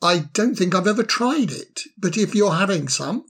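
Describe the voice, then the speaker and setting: A man's voice: sits high, animated, moderate pace, a bit bright, breathy edge, exaggerated voice. A man voicing a polite, slightly hesitant young male fire sprite in a storybook reading.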